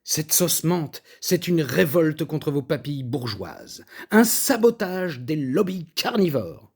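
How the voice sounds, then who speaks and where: A man's voice: fairly high pitch, very animated, takes it slowly, breathy edge, heavily acted. A man voicing a bubbly, mocking, flamboyant eccentric vegan woman in a storybook reading. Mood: teasing. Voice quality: bubbly, sparkling voice. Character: fizzy eccentric vegan woman, teasing and theatrical.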